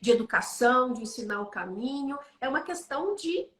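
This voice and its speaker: Fast, animated woman speaker on faith and parenting, slightly high voice, roomy echo around her; she tells stories with energy and keeps checking in with her listener. Her delivery is warm conversation rather than a formal sermon. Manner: animated storytelling, frequent "né?" tags.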